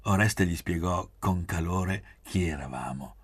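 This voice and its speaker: Male audiobook narrator, deep voice, measured, soft-spoken, dry close recording. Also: breathy edge, no echo. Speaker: audiobook reader.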